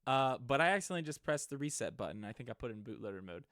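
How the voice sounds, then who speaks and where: An electronics hobbyist presenting a casual tech demonstration explains things informally and somewhat hesitantly. His mid-range voice is sing-song, racing, and fairly bright, captured by a close microphone into an audio interface with clean studio quality and no room sound.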